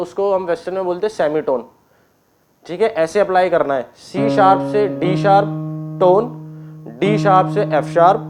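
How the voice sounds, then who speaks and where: High-voiced man teaching keyboard. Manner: patient step-by-step explaining with frequent checks; clears throat often. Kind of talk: online music class. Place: indoors with keyboard and board.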